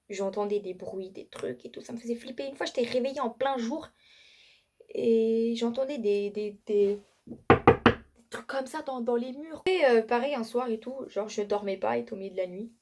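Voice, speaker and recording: A young woman vlogging her personal testimony in a loose, conversational way. She chains anecdotes together with slang and fillers, and her voice runs slightly high. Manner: animated, slangy storytelling with many fillers and restarts. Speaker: vlogger giving a faith testimony. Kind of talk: casual spoken testimony to camera.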